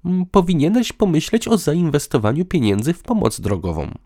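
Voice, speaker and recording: A man doing a sharp-tongued, combative young woman. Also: high-pitched, very animated, measured pace, creaky, voice pushed up, exaggerated voice. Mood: chatty. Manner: sarcastic, combative. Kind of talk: audiobook dialogue.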